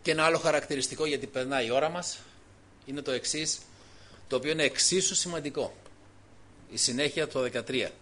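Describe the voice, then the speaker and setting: A man preaching an impassioned sermon as pastor, swinging between hushed, intimate passages and loud calls, with frequent alleluias. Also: fairly high pitch, pauses often.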